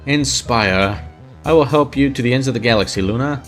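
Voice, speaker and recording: A man voicing an odd, eager little alien crew recruit who speaks slow, halting broken English. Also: mid-range voice, faint music behind, close to an everyday voice. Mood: earnest.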